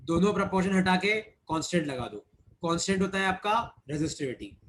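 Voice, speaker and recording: A man's voice: high voice, expressive, fairly quick, slight background noise. A man teaching physics in an online class, explaining step by step, repeating key points and teasing his students.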